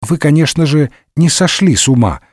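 A man's voice: fairly high pitch, expressive, normal speed, husky, no echo, studio quality, pitched above the performer's own voice. A man voicing a scheming, sardonic middle-aged cardinal in a comic audiobook, wry and condescending. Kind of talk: audiobook character voice.

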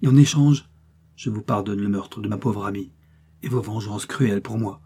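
Male reader doing an emotional young musketeer, earnest, dark-toned. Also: on the low side, normal speed, slightly rough. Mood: grieving. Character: young, impassioned male musketeer, torn and grieving.

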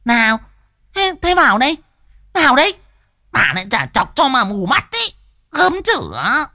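A man's voice: very high-pitched, wildly swooping pitch, moderate pace, pushed and bright, no room sound, clean studio sound, voice pushed up, heavily acted. Man doing a lisping simple-minded duck girl. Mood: bossy. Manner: slurred lisping speech, giggly. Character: simple-minded rough young woman duck herder.

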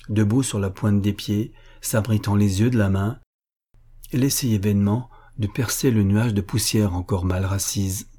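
A man reading a classic novel aloud as an audiobook narrator, steady and measured. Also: lowish voice, husky.

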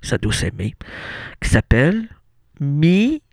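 A man's voice: a little high, very animated, takes it slowly, gravelly, darkish tone, no echo, studio quality. A man with a Québécois accent, hosting an absurd comedy monologue on the radio and rambling along as he interrupts himself. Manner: rambling, self-interrupting, talks back to himself. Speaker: radio host. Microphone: radio studio microphone.

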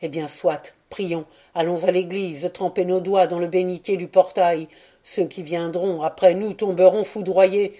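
A woman's voice: on the low side, fairly even intonation, a little slow, warm tone. A woman reading aloud and voicing an angry, scornful young man who speaks with contempt. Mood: furious scornful. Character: young man, furious, bitter, scornful lover.

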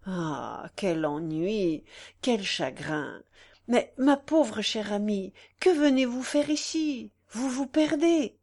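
Woman voicing a gentle young gentleman, tender and unhurried. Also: mid-range voice, expressive. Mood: dismayed. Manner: tender, soothing, slow. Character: young Parisian gentleman before a duel, gentle.

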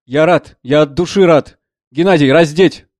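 A man voicing a gruff, sardonic older doctor who holds a general's rank, mocking and blustering, in an audiobook reading of a play. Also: fairly high pitch, moderate pace, no room sound, natural voice. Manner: blustering, mocking, shouts out bursts.

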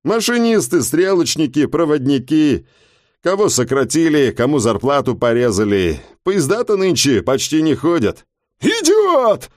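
A man's voice: a little high, sing-song, moderate pace, no room sound, clean studio sound, pitched above the performer's own voice. A man doing a hot-tempered cab driver. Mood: chatty. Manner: shouting, rough. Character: brash male taxi driver, hot-tempered.

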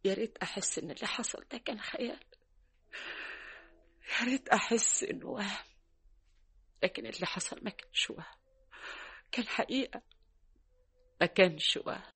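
An actress with an Egyptian accent playing a guilt-ridden, tearful young village woman in a vintage radio drama, with a raspy, breathy voice. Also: mid-range voice, expressive, normal speed, pauses often, a bit bright, full character voice. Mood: anguished. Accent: Egyptian Arabic.

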